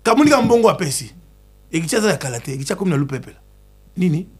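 A man talking excitedly in a casual chat, switching between Lingala and French. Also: on the high side, very fast, husky.

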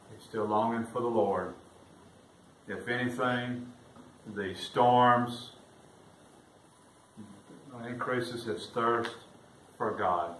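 Far from the microphone, a man preaches a sermon as pastor of an echoey church. His voice rises in volume and pitch whenever he reads scripture aloud. Expect roomy reverb, off-mic sound, and a faint hum of room noise.

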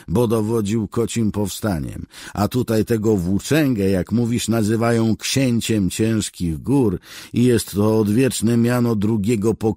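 A man voicing an exasperated, blunt soldier who argues loudly in an audiobook. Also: mid-range voice, no echo, clean studio sound, pitched above the performer's own voice, close to an everyday voice. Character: angry male soldier, a blunt decurion. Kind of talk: audiobook character voice.

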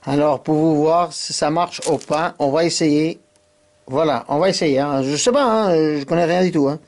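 A man's voice: on the high side, moderate pace, darkish tone, a little hiss or hum. A man hosting an amateur demonstration video in a hesitant, informal way, recorded in a workshop on a camera mic. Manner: hesitant, informal, tag words. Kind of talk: casual hands-on demonstration. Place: cluttered indoor workshop.

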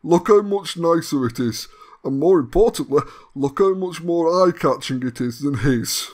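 Brit gaming host, mock-grandiose and cheeky, voice sits a bit high. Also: male voice, animated, moderate pace, a little mellow. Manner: sardonic, mock-grandiose banter. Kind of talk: comedic channel announcement.

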